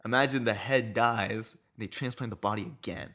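A man's voice: lowish voice, moderate pace, a bit bright. A young man in casual chat, musing over wild what-ifs. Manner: musing, speculative.

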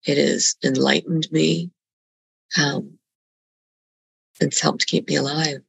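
Gravelly earnest woman on a call. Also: low-pitched, flat delivery, dry recording, rough recording. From Colombia. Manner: earnest, halting, with restarts. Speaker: guest. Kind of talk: reflective conversation.

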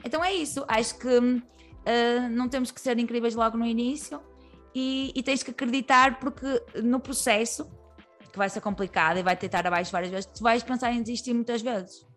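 A woman's voice: fairly high pitch, a little fast, fairly bright tone, faint music behind. A woman with a European Portuguese accent, a comedian talking candidly as a guest, rambling through many fillers and restarts. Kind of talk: candid podcast conversation.

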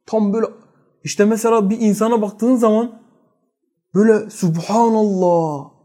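A man teaching a religious study lesson who quizzes his listeners with rhetorical questions and drops from loud emphasis into quiet, low asides. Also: level tone, fairly quick.

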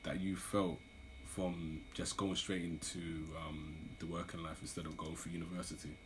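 A man's voice: low-pitched, flat delivery, moderate pace, slight background noise, poor audio. Teasing young man, podcast host. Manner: teasing, jokey, laughing often. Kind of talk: casual chat.

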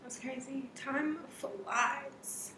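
A woman's voice: high voice, steady tone, drawn-out words, pushed and bright, echoey room, slight background noise. A young woman co-hosting a casual chat, giggling often and sometimes talking while eating. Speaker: co-host.

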